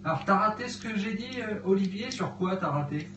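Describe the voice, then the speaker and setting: A man's voice: high voice, animated, a little fast, lo-fi sound, noisy background. A man hosting a casual cooking live stream in his cluttered kitchen at home, hesitating often with fillers as he chats with viewers. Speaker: livestream host cooking. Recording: echoey home room.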